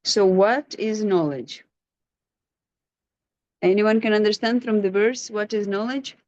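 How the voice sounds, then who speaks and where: A woman's voice: mid-range voice, a little slow, darkish tone, no room sound. A woman leads an online scripture class over a video call, patient and probing as she draws answers from students. Her voice sits mid-range, close and dry, with a dull lo-fi sound. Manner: patient, questioning, prompts students.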